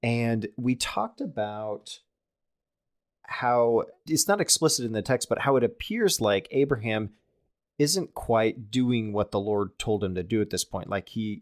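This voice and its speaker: Guy on a scripture podcast, lowish voice, thinking out loud, lots of little restarts. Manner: thoughtful, with restarts and repeated words. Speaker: podcast co-host. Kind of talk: casual scripture discussion.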